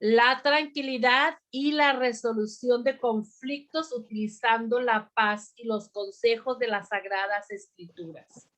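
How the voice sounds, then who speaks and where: Woman preaching slow and careful to her ladies group, kinda high voice, lots of amén. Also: fairly even intonation, fairly bright tone. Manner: slow, deliberate, repeats "amén" and asks the group questions. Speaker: women's ministry teacher. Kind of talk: bible teaching sermon.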